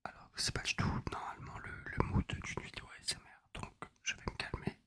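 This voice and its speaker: A man's voice: fairly quick, bright, forceful tone. Whispering young man, ASMR chat. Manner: rambling, wry, self-mocking. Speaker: ASMR video host. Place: apartment at night. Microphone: close binaural USB microphone.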